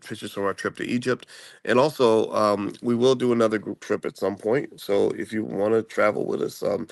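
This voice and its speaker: A man with a fairly low, gravelly voice hosts a channel and chats casually about politics, rambling and restarting often. He's traveling, speaking from a room before a flight, and the recording is dry.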